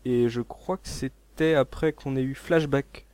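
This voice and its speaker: A man's voice: mid-range voice, fairly even intonation, darkish tone, no echo. Teasing man co-hosting a gaming podcast. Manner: teasing, interjecting, quick to disagree. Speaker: podcast co-host. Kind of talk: casual gaming podcast chat.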